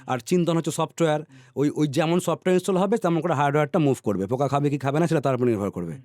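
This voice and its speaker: A man's voice: fairly high pitch, rapid-fire, no echo, studio quality. Teacherly man explaining at length. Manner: teacherly, checks in with "all right?" often; repeats words, trails off softly. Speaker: podcast guest. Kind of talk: explanatory podcast talk.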